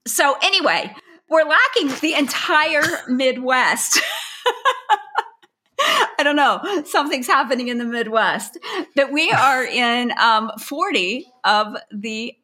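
A middle-aged woman from Pennsylvania co-hosting a casual podcast chat. Her tone is bright and clear, and she laughs often mid-sentence in a chatty, easygoing way. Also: high voice, lively intonation, slow pace. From Pennsylvania, United States. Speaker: podcast co-host.

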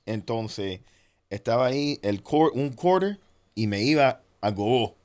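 A man in a casual sports chat, telling a lively anecdote in a laughing manner. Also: mid-range voice, a little slow.

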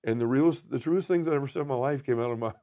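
A man in a podcast conversation, sharing a deeply personal faith story with earnest feeling. His voice sits at an ordinary middle pitch and often sinks softly at the ends of phrases. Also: racing. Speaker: podcast guest.

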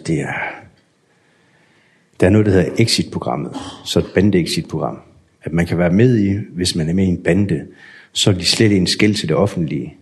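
A man telling his personal story in a candid, unhurried way, acting out remembered conversations. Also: deep voice. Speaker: guest sharing a testimony.

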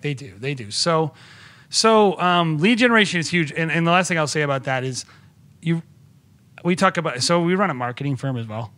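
A wedding filmmaker guesting on a podcast talks shop enthusiastically in a casual conversation, rambling and often restarting. His voice is fairly high in pitch with a fairly bright tone.

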